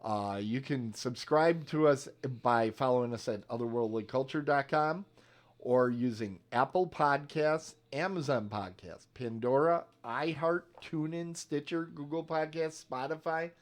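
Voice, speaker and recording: A man's voice: mid-range voice, unhurried. A man co-hosting a movie podcast in casual, joking banter with his co-host. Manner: jokey, playful banter. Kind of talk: casual chat.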